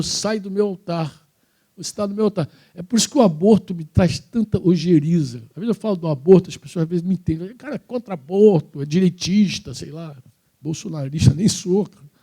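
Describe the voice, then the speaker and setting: A man with a Brazilian Portuguese accent preaching a sermon in a church, telling his story in an animated, slangy, informal way. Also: a little high. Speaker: pastor.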